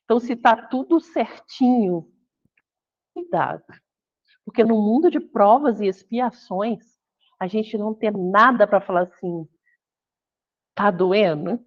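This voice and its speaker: A woman's voice: mid-range voice, expressive, measured pace, lo-fi sound. A woman with a Brazilian Portuguese accent giving a conversational spiritist talk, acting out the voices she quotes. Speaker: spiritist lecturer.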